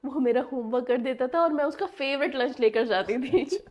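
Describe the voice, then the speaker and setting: High-voiced teasing wife in a skit. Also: female voice, brisk, a little mellow. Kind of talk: scripted comedy skit.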